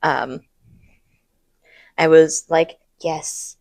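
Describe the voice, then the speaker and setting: A woman's voice: on the low side, expressive, a little slow, darkish tone, no echo, clean studio sound. A woman co-hosting a casual commentary podcast, rambling with lots of "um"s and playful sound-effect noises. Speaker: podcast co-host.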